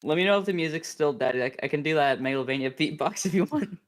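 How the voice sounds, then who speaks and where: A man's voice: a little high, fast. A man joking around on a game stream, goofy and giggly in casual banter.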